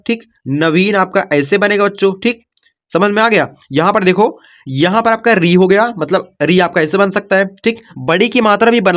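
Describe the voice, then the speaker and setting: Male tutor, high voice, patient and repetitive, walks learners through each word, slightly muffled lo-fi audio. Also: a bit bright. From India. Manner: repetitive, coaxing, says "ठीक" and "बच्चों" often. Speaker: teacher. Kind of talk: step-by-step spelling lesson.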